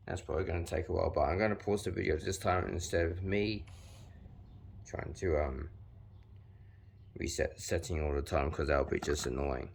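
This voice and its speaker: A young New Zealand vlogger deliberately puts on an extra-deep, gravelly voice as he chats through a casual how-to while working with his hands, leaning heavily on filler words. There's a faint hiss or hum in the recording.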